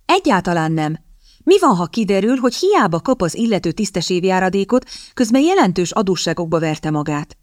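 A woman's voice: mid-range voice, sing-song, no echo, clean studio sound, natural voice. A woman voicing a determined young woman in an audiobook, speaking in a coaxing, persuasive manner. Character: sharp, determined young woman seeking a husband.

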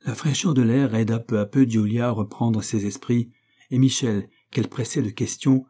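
Dark, husky male audiobook narrator. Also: medium pitch. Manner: measured, expressive storytelling. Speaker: audiobook reader.

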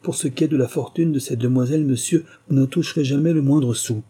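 A man reading an audiobook and voicing a loud, sly male rogue who talks in raised, emphatic bursts. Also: medium pitch, quick pace, breathy edge, voice pushed up, natural voice. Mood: loud, insistent.

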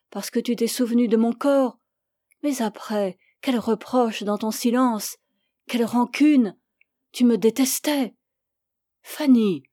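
A woman's voice: a little high, mellow, no echo, studio quality, pitched above the performer's own voice, lightly acted. A woman reading an audiobook, voicing an anguished young woman who is passionate and reproachful. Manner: impassioned, reproachful.

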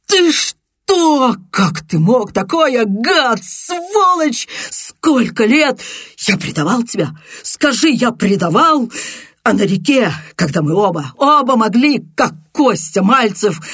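A reader voicing a hot-tempered, defensive man who shouts indignantly. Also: extremely high pitch, very animated, slow, few pauses, slightly rough, no echo, studio quality, voice pushed up, exaggerated voice. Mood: sobbing shouting. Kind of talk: audiobook character voice.

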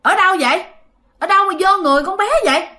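A woman's voice: extremely high pitch, fast talker, sharp tone, voice pushed up. A woman doing a scolding landlady. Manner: scolding, commanding. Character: stern middle-aged woman landlady exorcising a spirit.

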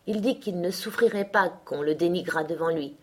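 A woman narrating a classic novel in a measured, even storytelling manner. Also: lowish voice. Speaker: audiobook reader. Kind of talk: scripted narration.

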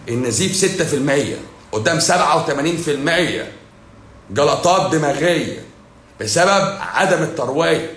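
A man's voice: medium pitch, a bit bright, echoey room, slight background noise. A man with an Egyptian Arabic accent, a doctor hosting a livestream who answers viewer comments in a blunt, sarcastic, scolding way.

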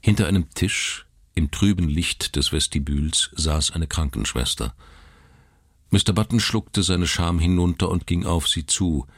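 A man narrating a literary story in a measured, dramatic reading. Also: low-pitched, husky, no room sound, clean studio sound.

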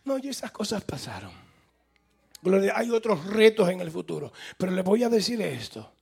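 A man preaching a sermon as a pastor, with emphatic, animated delivery and acted-out quotes to his congregation. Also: sits high, normal speed, vocal fry, breathy edge. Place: church sanctuary.

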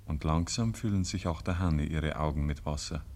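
This 1950s radio recording features a man with a Bavarian accent narrating a rural tale for a literary radio play. His voice is a rumbling low with a darkish tone, delivered at normal speed in a measured, grave mood.

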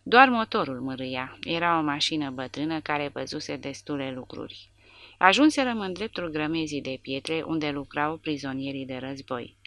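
A woman narrating an audiobook in a measured, dramatic reading. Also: low voice, lively intonation, a bit bright, no echo. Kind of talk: scripted narration.

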